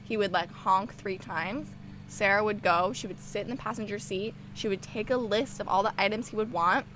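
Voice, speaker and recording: A woman's voice: mid-range voice, normal speed, background noise. A woman in her twenties co-hosting a podcast outdoors, chatting casually and laughing often. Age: 20s. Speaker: podcast co-host. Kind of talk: casual chat. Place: outdoors at a cookout.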